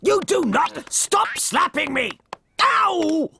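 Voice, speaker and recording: A woman voicing a mischievous little male goblin who cackles with a gravelly voice. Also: very high voice, big pitch swings, slow, sharp tone, slight background noise, heavily acted. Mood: panicked.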